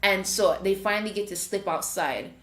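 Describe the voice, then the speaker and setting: A woman's voice: mid-range voice, moderate pace. A woman with a Jamaican accent hosting a podcast, telling a story in casual chat and acting out the voices. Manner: animated, acts out voices when retelling. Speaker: podcast host. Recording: roomy echo.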